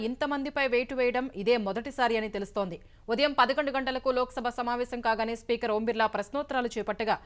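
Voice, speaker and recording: Woman, newsreader, fast formal delivery, smooth clear studio voice. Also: sits high, fairly bright tone. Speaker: news anchor. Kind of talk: scripted news reading.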